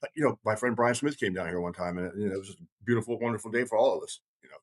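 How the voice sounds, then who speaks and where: A middle-aged American man talks casually and rapid-fire in a lowish voice. He rambles and speaks emphatically, repeating phrases to stress them in this conversational talk.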